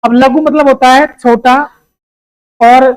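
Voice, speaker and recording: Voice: sits high, fairly even intonation, slow, clear, resonant tone, poor audio. A teacher giving an exam-prep grammar lesson. The teacher keeps asking questions, answers them, and calls the listeners "beta.".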